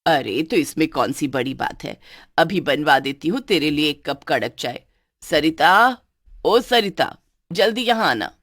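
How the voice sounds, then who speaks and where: A woman's voice: low voice, expressive, moderate pace, voice pushed down. A woman voicing a bossy older mother-in-law in a cartoon story who gives orders and scolds. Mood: commanding. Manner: commanding, scolding. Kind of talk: cartoon voice acting.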